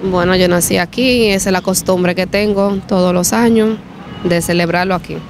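Woman passer-by, relaxed friendly answers, traffic noise. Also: fairly low pitch, normal speed. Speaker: interviewee. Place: city sidewalk outdoors.

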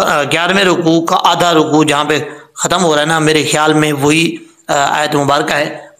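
A man teaching Quran recitation rules, explaining step by step and modelling words slowly. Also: on the high side, sharp tone, roomy sound. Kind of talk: tajweed lesson.

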